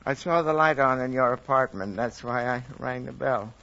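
A jolly, gentle Santa Claus. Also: male voice, medium pitch, moderate pace, gravelly. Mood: polite. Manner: bumbling, mild and chuckling. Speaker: comedy guest star. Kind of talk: 1940s radio comedy acting. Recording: dull old radio broadcast with faint hiss.

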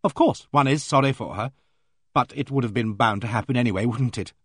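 A man's voice: mid-range voice, fairly quick, breathy edge, no echo, clean studio sound, natural voice. A man voicing a blunt, frank older clergyman's wife who speaks in a matter-of-fact way.

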